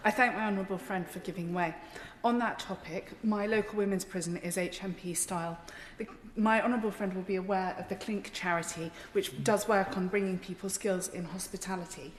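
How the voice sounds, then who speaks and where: A woman's voice: mid-range voice, steady tone, a little fast. A woman member of parliament making a formal, insistent debate intervention in long run-on sentences in a large chamber. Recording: echoey hall, reverb, noisy ambience.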